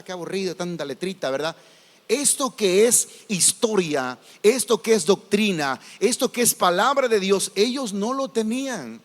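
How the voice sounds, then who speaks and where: A male pastor delivers an animated sermon in a high voice, swinging between soft asides and loud exclamations. His words ring out in a big hall with a long reverb. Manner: animated preaching, acts out congregation voices.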